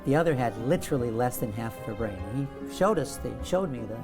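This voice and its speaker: A man as an interview guest, explaining at length in a measured, lecturing way and stressing key words. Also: medium pitch, animated, music in the background. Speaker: guest author.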